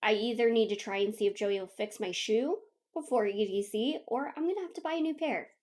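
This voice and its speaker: A young woman co-hosting a podcast, telling a story in casual chat, animated, laughing often and acting out what others said. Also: a little high, brisk. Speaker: podcast co-host.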